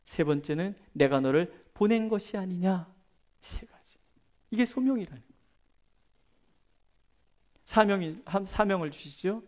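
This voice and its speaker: A middle-aged man preaching a prayer-meeting sermon as a pastor, chatting through personal stories and moving between loud emphasis and soft, hushed asides. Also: high voice, animated, measured pace, pauses often. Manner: conversational, tells personal stories with gestures.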